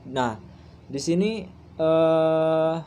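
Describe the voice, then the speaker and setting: Hesitant young man with a mellow voice. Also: on the high side, extremely slow, a little hiss or hum. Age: 20s. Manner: hesitant, frequent "eh" fillers and restarts. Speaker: university student. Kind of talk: recorded class presentation.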